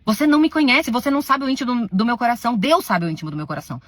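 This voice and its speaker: A woman giving an emotional religious testimony to her followers, defensive and pleading, her voice swinging between hushed and raised. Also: a little high, rapid-fire, dry recording. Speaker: self-described servant of God recounting a spiritual experience.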